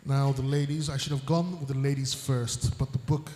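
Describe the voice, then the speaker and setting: A man moderates a conference panel, reading out each panelist's background at a measured pace. He drops in the odd dry aside. His voice sits in the middle range and rings through a large, echoey hall with a long reverb tail. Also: mid-range voice, fairly even intonation, darkish tone. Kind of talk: reading panelist bios aloud.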